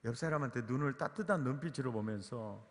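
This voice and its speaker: A man's voice: mid-range voice, fairly quick. A male pastor preaching at a teachers' seminar, asking the audience questions again and again. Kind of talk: sermon at a teachers' training seminar. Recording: long hall reverb.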